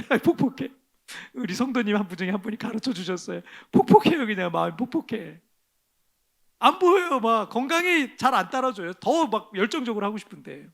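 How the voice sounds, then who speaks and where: A middle-aged male pastor giving a conversational, self-deprecating sermon, swinging between soft and loud. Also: high voice, vocal fry. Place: church sanctuary.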